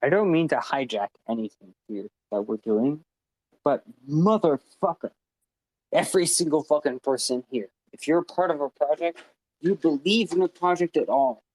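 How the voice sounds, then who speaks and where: Impassioned, profane man ranting slowly. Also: on the high side, a little mellow, no room sound, low-quality recording. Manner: passionate, profane, rambling. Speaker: panel guest. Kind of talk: impassioned live audio-room talk. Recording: online audio-room stream.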